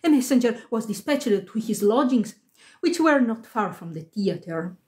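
A woman's voice: a little high, expressive, measured pace, darkish tone. Woman reading a ghost story aloud. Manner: reads aloud with occasional slips, laughs and comments. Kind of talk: live-streamed story reading with chat asides. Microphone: phone.

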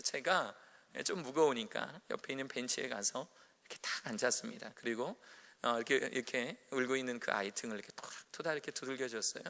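A man in his thirties preaching a sermon as a pastor, telling a story and swinging between loud emphasis and hushed, near-whispered prayer. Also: mid-range voice, quick pace, vocal fry. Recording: echoey hall reverb.

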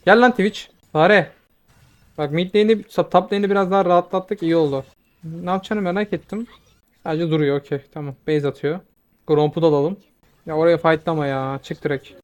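Fast-talking young man gaming commentary. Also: fairly high pitch. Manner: fast excitable commentary, swearing in frustration. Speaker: gaming video creator. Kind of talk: live gameplay commentary.

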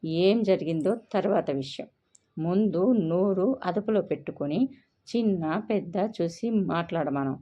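A woman's voice: on the low side, a little slow, dark tone, muffled recording. A woman voicing a stern, impatient elder sister who speaks sharply and commandingly.

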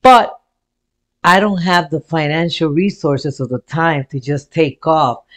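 A man's voice: fairly high pitch, takes it slowly, a bit bright. A man hosting a music reaction channel who talks in a casual, rambling way and often repeats and restates his points. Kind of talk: casual vlog commentary.

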